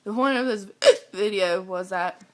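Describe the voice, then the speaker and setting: A woman's voice: medium pitch, unhurried. A young woman vlogging casually at home, rambling and giggling with the hiccups. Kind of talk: casual home video chat.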